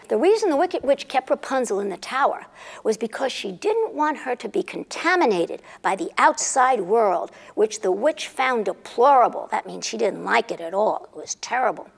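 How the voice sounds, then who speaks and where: Playful lady telling a fairy tale to a live crowd, high voice, a bit gravelly. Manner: animated and playful, quizzing the audience. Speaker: storyteller. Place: rehearsal and recording studio with a live audience.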